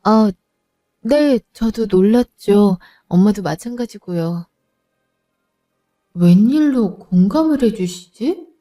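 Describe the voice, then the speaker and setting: A woman's voice: medium pitch, lively intonation, takes it slowly, pauses often, dark tone, no room sound, clean studio sound. A woman narrating a family drama and speaking as the worried, pleading wife.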